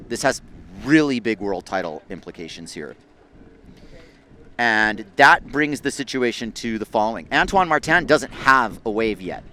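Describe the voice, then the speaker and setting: A man's voice: mid-range voice, a bit bright, a little hiss or hum. A man giving live surf competition commentary in a laid-back, conversational surfer-announcer way.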